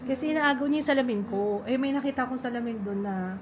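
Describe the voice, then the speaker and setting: A woman's voice: on the high side, fast, noisy background. A middle-aged woman with a Filipino accent, hosting a casual family vlog and chatting while switching between Tagalog and English. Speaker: vlog host.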